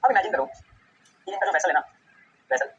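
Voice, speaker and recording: A man's voice: sits high, expressive, slightly rough. A man teaching customs law in a casual, chatty way, often checking that his students follow. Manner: rapid, chatty, keeps checking "ठीक है?". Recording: slightly dull recording with faint background noise.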